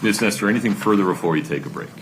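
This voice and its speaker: A man presiding as judge, giving measured, deliberate rulings in a courtroom recording. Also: fairly low pitch, lively intonation, fairly bright tone. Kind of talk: courtroom proceedings. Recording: courtroom recording with background noise.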